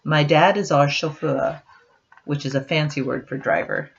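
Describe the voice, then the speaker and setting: Her voice is low-pitched and creaky, moving at a normal speed, as an older woman expressively reads a picture book to her grandchildren and addresses them directly with chatty asides. The computer webcam microphone leaves the audio dull and lo-fi.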